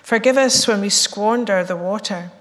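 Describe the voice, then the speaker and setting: A woman minister leading worship in a big, echoey church sanctuary prays in a gentle, measured way, then turns chatty and playful for a children's talk. Her mid-range voice is a bit croaky as it recovers.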